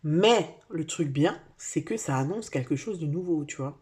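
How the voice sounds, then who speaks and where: A woman's voice: low-pitched, expressive, normal speed, darkish tone. A woman giving a casual tarot reading, speaking straight to the viewer in a chatty way with many fillers. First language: French. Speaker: tarot card reader.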